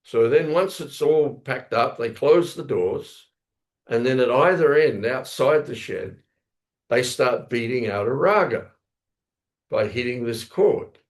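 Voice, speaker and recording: A man's voice: medium pitch, expressive, slow pace. A man giving a scripture class, telling a story in a rambling way, often correcting himself and acting out sounds with his voice. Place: temple lounge class, indoors.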